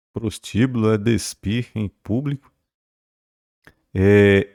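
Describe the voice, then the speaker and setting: A man with a Brazilian accent teaching a grammar lesson at a board, pointing things out, repeating key words slowly and checking in with the class. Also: mid-range voice, creaky, darkish tone, no room sound, studio quality.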